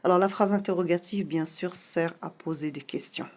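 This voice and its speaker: A woman teaching a French grammar lesson, explaining patiently and repeating her key points, often pausing on "voilà". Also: on the low side, a little mellow.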